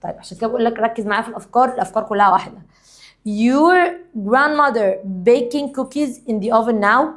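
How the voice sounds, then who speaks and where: A woman with an Egyptian Arabic accent, an English teacher giving a classroom grammar lesson, explaining briskly and reading example sentences slowly and deliberately. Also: on the high side.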